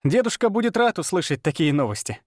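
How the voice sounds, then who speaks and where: A man voicing a scornful, sharp-tongued young village girl in an audiobook. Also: high voice, sing-song, quick pace, dry recording, clean studio sound, pitched above the performer's own voice. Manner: mocking, haughty.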